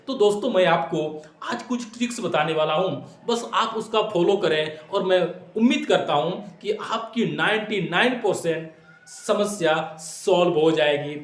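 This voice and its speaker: Male teacher, high voice, echoey room, repeats himself, rhetorical questions, exam tips lesson. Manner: repetitive, asks rhetorical questions, mixes in English phrases. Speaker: English teacher.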